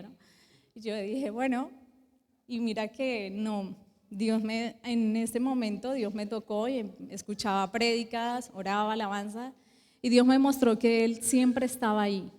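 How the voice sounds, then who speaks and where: A woman's voice: fairly high pitch, darkish tone. A woman giving a personal testimony at church, speaking hesitantly with many fillers and an emotional retelling. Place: church hall. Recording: long church hall reverb.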